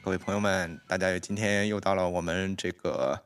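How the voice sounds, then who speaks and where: A man's voice: low voice, steady tone, normal speed, a little hiss or hum. A young man hosting a casual chat, teasing and prompting the others with questions. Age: young adult. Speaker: podcast host.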